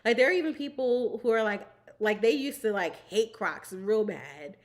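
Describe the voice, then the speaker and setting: A woman's voice: medium pitch, animated, moderate pace. Bubbly young woman chatting with viewers. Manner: bubbly and giggly, fills speech with "like"; talks while snacking. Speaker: livestream host. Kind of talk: casual chat with live viewers.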